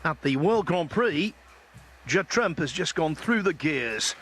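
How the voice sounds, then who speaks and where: A man's voice: on the high side, animated, slow pace, a bit bright, breathy edge. A man giving live snooker commentary as the match commentator, with articulate, polished phrasing.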